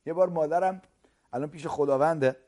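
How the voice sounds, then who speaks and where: A man preaching a sermon as pastor, loud and emphatic, stretching key words slowly for stress. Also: on the high side. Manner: loud, emphatic preaching with rising calls of hallelujah.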